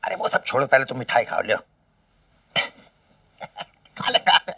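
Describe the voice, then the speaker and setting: An actor playing a cheeky, boastful brother-in-law in a sitcom, brash and loud, with a lilt. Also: male voice, medium pitch, expressive, normal speed, breathy edge, no room sound, full character voice. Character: boastful scheming brother-in-law, Chhatanki Mama. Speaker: comic actor. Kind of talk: sitcom acting. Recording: dry, from a distance.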